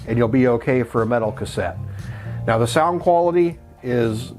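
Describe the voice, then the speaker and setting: Over background music, the middle-aged host of a vintage electronics tutorial channel gives a casual how-to, plainly explained step by step. His medium-pitched voice is animated and darkish, at a moderate pace.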